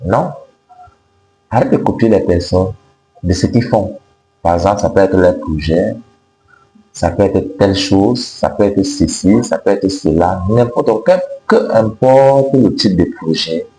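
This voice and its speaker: Slow-talking man. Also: deep voice, dark tone, soft background music. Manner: emphatic, repetitive, didactic. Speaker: self-help video host. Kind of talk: motivational advice to camera. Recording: roomy echo with faint noise and hum.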